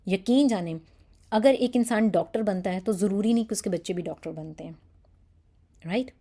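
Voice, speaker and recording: A woman with a Pakistani Urdu accent gives a heartfelt religious lesson. Her voice is mellow and warm, at a middle pitch. She urges her listeners earnestly, mixing English words into her Urdu. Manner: earnest, pleading, acts out examples. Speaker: Quran teacher.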